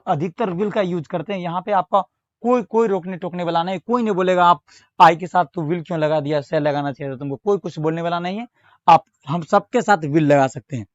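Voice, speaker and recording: Man, Indian accent, grammar teacher, slow careful examples, dull lo-fi audio. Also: sits high, no room sound. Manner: slow, deliberate when reading English example sentences. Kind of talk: Hindi-language grammar lesson with spoken examples. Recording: dull, slightly lo-fi recording.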